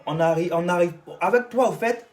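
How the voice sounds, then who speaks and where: A man's voice: high voice, brisk, darkish tone, distant mic. An Ivorian-accented man delivers a vlog rant, talking straight at the person he criticizes and repeating his points like a lesson. He sits back from the mic, and faint music runs underneath. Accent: Ivorian French. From Côte d'Ivoire. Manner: lecturing, repetitive, addresses his target directly. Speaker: vlogger and singer. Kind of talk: ranting monologue to the camera.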